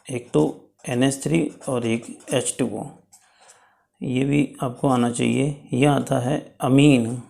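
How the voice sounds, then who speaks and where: A man's voice: mid-range voice, creaky, darkish tone. A man teaching chemistry in a step-by-step lecture, checking in often with his students. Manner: explains slowly, checks with "ठीक है".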